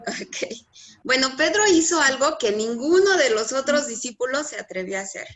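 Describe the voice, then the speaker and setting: A woman's voice: sits high, expressive, normal speed, fairly bright tone. A woman leading a Bible study discussion, asking the group questions and briefly acknowledging each answer.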